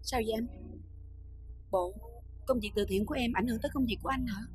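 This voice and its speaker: A woman's voice: a little high, quick pace, darkish tone, slightly rough, faint music behind. An actress playing a concerned wife who questions her husband in a TV drama. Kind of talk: TV drama acting.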